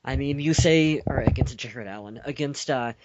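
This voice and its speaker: A man's voice: mid-range voice, normal speed, no room sound. A man co-hosting a sports podcast, rambling and joking and correcting himself as he goes. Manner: rambling, jokey, self-correcting. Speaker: podcast co-host. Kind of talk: casual sports chat. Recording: dull lo-fi podcast audio.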